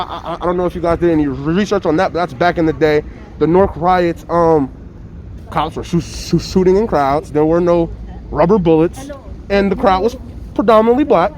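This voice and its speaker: High-voiced emphatic man talking through a face mask. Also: darkish tone, a little hiss or hum. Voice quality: slightly muffled, speaking through a face mask. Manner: emphatic, insistent, repeating phrases for emphasis. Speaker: interviewee giving opinions. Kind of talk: impassioned street debate.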